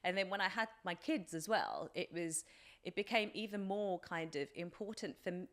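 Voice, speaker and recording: During a reflective personal interview on a podcast, a life coach in her forties speaks with a British accent, having been from England since age three. Her low voice is fairly bright at a normal pace, and she explains herself informally and hesitantly, looping through small filler phrases.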